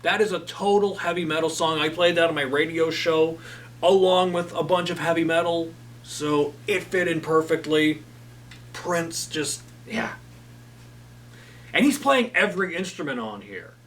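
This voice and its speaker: A man's voice: a little high, unhurried, a bit bright, recorded from a distance, a little hiss or hum. A man hosting a casual talk about old albums, enthusiastic and rambling with lots of fillers. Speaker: host.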